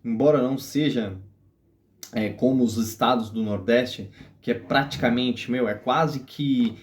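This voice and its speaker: A man's voice: mid-range voice, unhurried, slight background noise. A man with a Brazilian Portuguese accent hosting a casual explainer video, chatty and hesitant, full of filler sounds and rhetorical questions to his viewers. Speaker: video host.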